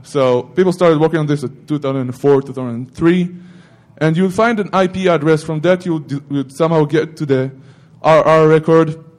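A middle-aged man speaks in a somewhat high voice, rambling through an informal technical talk. He often stops to correct himself mid-sentence. He throws in joking asides to the audience. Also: steady tone, normal speed, a little mellow. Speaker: security conference speaker.

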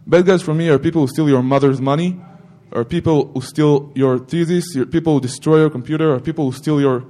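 A middle-aged man speaks in a somewhat high voice, rambling through an informal technical talk. He often stops to correct himself mid-sentence. He throws in joking asides to the audience. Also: fairly quick, warm tone. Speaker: security conference speaker.

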